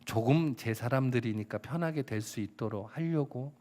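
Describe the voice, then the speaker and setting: Preaching a sermon, a middle-aged male pastor shares personal stories and acts out quoted dialogue, at times rising to a shout. His voice is medium-pitched and his pace moderate.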